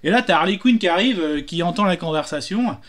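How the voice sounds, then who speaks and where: A man's voice: sits high, expressive, brisk. A man telling jokes casually, hesitant, with many fillers and restarts. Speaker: joke teller.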